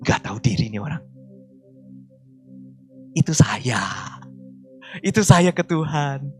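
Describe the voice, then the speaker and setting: Preacher guy in his 40s, storytelling sermon, gets loud then quiet, soft music behind. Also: sits high. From Indonesia. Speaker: pastor. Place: church service.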